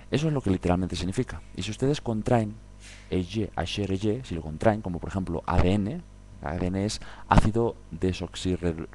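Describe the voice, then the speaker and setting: A man's voice: low-pitched, warm tone, a little hiss or hum. A man giving an informal Bible study talk, conversational, often checking in with his listeners through tag questions. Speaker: Bible teacher.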